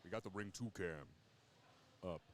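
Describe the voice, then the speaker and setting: A man's voice: deep voice, moderate pace, slight background noise. A man doing casual live commentary at a fencing tournament, chatty and joking as he plays with the soundboard.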